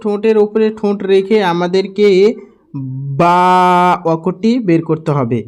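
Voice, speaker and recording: A man's voice: high voice, fairly quick, dark tone. A man teaching how to pronounce each Arabic letter, repeating each sound several times. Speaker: Quran recitation teacher. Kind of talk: slow instructional lesson.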